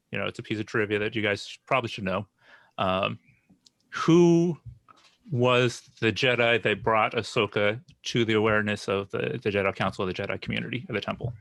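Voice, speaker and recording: A man in his fifties talking casually on a podcast, rambling and restarting as he goes. His voice is bright and forward, recorded dry and close with no room sound. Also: mid-range voice, vocal fry, no room sound. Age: 50s. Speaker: podcast producer. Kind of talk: casual chat.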